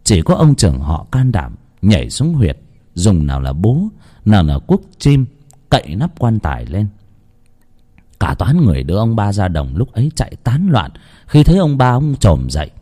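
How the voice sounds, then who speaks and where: A man narrating a ghost story in a dramatic, expressive storytelling voice. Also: moderate pace. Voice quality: expressive, varied in pitch. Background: faint music.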